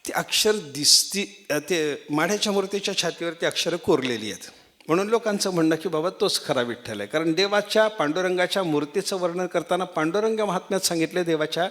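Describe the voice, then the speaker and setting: A male preacher giving a devotional sermon, weaving stories and repeating key phrases. His voice sits slightly high for a man, and he often turns to the listeners with rhetorical questions. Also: lively intonation, fairly quick, a bit bright. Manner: repeats phrases, acts out quotes, asks the audience rhetorical questions. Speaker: religious preacher.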